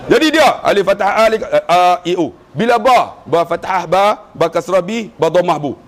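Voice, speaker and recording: A middle-aged man with a Malaysian Malay accent preaches in a high register. His lecture is full of humor and animated storytelling. He stretches his recited lines into a slow chant.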